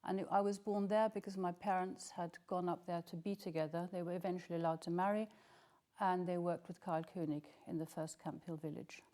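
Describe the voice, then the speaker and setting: A woman's voice: fairly low pitch, fairly even intonation, brisk. An older woman telling childhood memories in an interview, enthusiastic and full of "um"s. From Scotland. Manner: warm, enthusiastic storytelling with frequent "um"s. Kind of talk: reminiscing interview.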